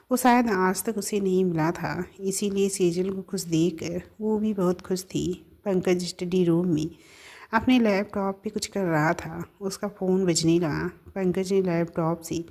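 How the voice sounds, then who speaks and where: A woman storyteller reading a scripted family audio story at a steady pace, now and then correcting herself. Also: lowish voice.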